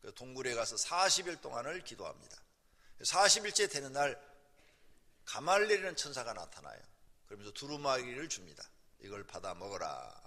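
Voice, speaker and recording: Man, pastor, sermon, storytelling, bright tone, long church reverb. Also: mid-range voice, very animated, a little fast. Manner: storytelling, acting out quoted dialogue.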